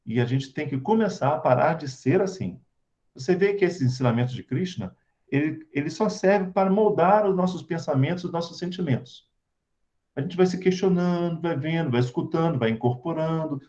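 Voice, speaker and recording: Mellow-voiced man giving a spiritual talk. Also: fairly high pitch. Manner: conversational, addresses audience directly with rhetorical questions. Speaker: spiritual lecturer. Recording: dull lo-fi recording.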